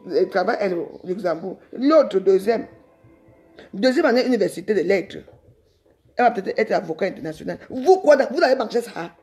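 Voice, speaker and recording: A woman's voice: on the high side, a little mellow. A middle-aged woman, ranting defiantly on a live stream and rambling with repeated words. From Cameroon. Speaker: social media livestreamer.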